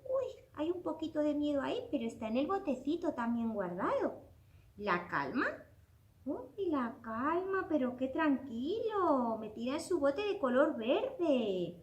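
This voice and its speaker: Animated woman telling a children's story. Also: sits high, roomy sound. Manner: expressive, exclaiming, addressing children directly.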